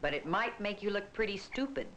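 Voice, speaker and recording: A woman's voice: medium pitch, expressive, fairly quick. A woman reading scripted narration for a 1970s educational film in a cautionary storytelling manner. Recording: noisy vintage film soundtrack.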